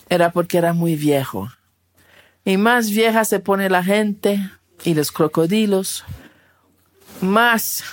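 A woman telling a children's animal story slowly and expressively, repeating words for effect. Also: on the low side.

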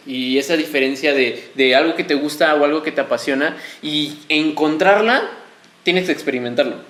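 A man's voice: a little high, normal speed, a bit bright. A man, a podcast co-host in casual chat, who stops and repeats words as he thinks. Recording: echoey room.

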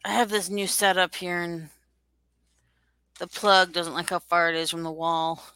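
A woman hosting a podcast talks in a casual, rambling way. Her voice sits a little low yet sounds bright and smooth. It is recorded close and dry, with no room sound. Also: level tone, unhurried, no room sound, low-quality recording. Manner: chatty, rambling, loosely shaped sentences. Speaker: podcast host. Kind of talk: casual chat.

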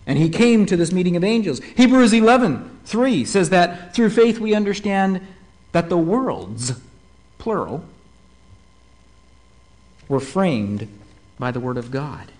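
A man preaching a sermon, animated and fond of asking his listeners rhetorical questions. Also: high-pitched.

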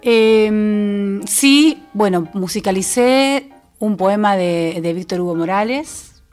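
A woman's voice: mid-range voice, slow, darkish tone, clear, resonant tone, faint music behind. A woman singer-songwriter with a Rioplatense Spanish accent, talking through her songs in a casual interview, thoughtful and full of small restarts. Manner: reflective, with frequent fillers and restarts.

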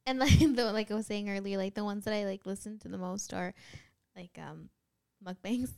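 A woman's voice: mid-range voice, normal speed, vocal fry, warm tone, clear, resonant tone. A woman guest on a podcast, talking casually in a rambling way full of fillers.

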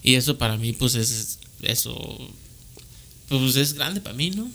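Man, mid pitch, casual chat, halting, plain. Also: lively intonation, a bit bright.

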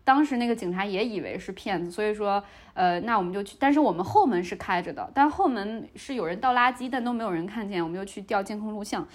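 Fast-talking young woman telling a story. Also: medium pitch. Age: young adult. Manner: lively retelling, playing out the dialogue. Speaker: podcast host. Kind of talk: casual storytelling.

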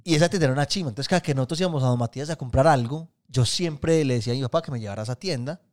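A man's voice: mid-range voice, racing. Slangy Paisa man telling stories. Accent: Colombian Paisa. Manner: animated, slangy storyteller who swears freely. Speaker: podcast co-host. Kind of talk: casual chat.

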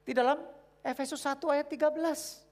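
A man preaching a youth sermon, swinging from hushed, low asides to loud, emphatic bursts. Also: steady tone, brisk.

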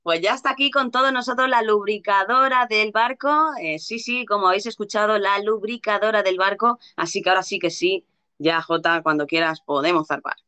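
A woman's voice: mid-range voice, a little fast, pushed and bright, clear, resonant tone, no echo. Casual woman co-host. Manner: casual and swears freely. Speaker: co-host of a live show. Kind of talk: casual live-stream chat.

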